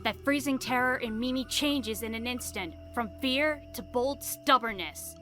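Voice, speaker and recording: A woman with a fairly high, bright voice and a forceful tone takes things a little slowly as she narrates a spooky fantasy audio drama. Her scripted delivery is dramatic, set against background music.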